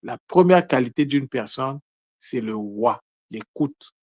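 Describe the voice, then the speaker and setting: A man's voice: mid-range voice, animated, measured pace, a little mellow, dry recording, dull audio. A man giving an unprepared spiritual teaching talk, earnest, often repeating words and restarting his phrases.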